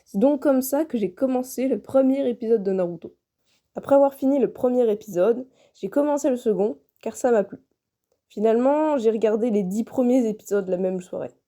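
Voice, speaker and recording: A woman's voice: fairly high pitch, brisk, warm tone. A young woman narrating a personal scripted video in French as its creator.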